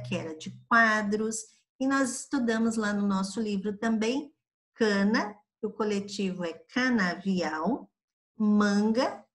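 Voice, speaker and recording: A woman from Brazil teaching a grade-school lesson review, patiently drawing out each example word for young pupils. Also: medium pitch. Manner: patient, spells out examples slowly for children.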